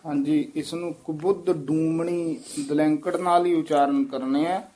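A man's voice: fairly high pitch, fairly even intonation, unhurried, warm tone. A man teaching the correct recitation of sacred verses, modelling each phrase and explaining the pronunciation.

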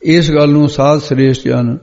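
A man's voice: a little high, fairly even intonation, normal speed, gravelly, warm tone. Man preaching in a dull, echoing hall. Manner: glosses each word, repeats phrases, corrects pronunciation. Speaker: preacher explaining scripture. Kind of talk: line-by-line scripture exposition sermon. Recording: dull lo-fi sound with long hall reverb.

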